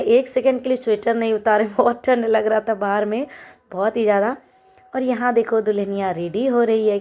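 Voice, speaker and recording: A young woman talks over her own wedding footage in a relaxed, chatty way. She laughs lightly as she walks through each custom, like she is telling a friend. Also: mid-range voice. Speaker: vlogger. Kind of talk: casual vlog voice-over.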